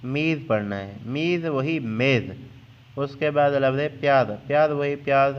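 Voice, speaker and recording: A man with a Pakistani Urdu accent teaches a vocabulary lesson, saying each word twice in a slow, patient drill. His voice is smooth and resonant, sitting at an ordinary middle pitch. The recording sounds a little muffled and lo-fi. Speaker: language teacher.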